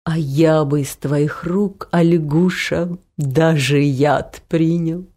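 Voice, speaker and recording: A woman voicing a soft-spoken, lovesick older uncle who talks slowly and low. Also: fairly even intonation. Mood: tender. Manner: slow, low, murmuring.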